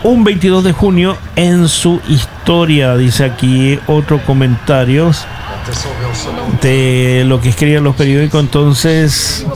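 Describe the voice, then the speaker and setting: A man's voice: on the high side, slow, darkish tone, slight background noise. A man hosting a live radio show, chatty, reading out press comments and interviewing callers. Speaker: radio host.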